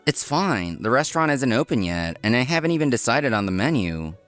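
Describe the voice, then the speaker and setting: With soft music behind him, a man reads scripted first-person narration and acted dialogue as a dry, workaholic young restaurant owner in a comic dub. His mid-range voice is fairly bright and sing-song, and he reads a little fast.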